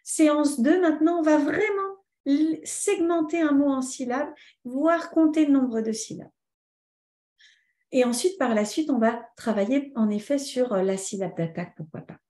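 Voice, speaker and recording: A woman trainer giving a live online lesson, lively and answering viewers' comments by name. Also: high voice, reverberant. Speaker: teacher trainer.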